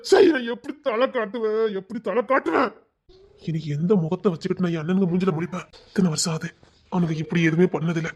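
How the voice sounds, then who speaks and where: Guy doing an ashamed hotheaded young village man, high voice, agitated. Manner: agitated, self-reproaching outbursts. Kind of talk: village drama acting.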